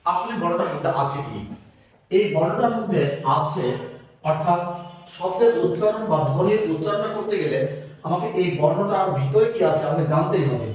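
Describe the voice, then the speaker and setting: A man with a Bangladeshi Bengali accent teaching a classroom lesson, explaining slowly and repeating sounds as he writes. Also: high voice, lively intonation, darkish tone, lo-fi sound. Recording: very echoey room, mic far off.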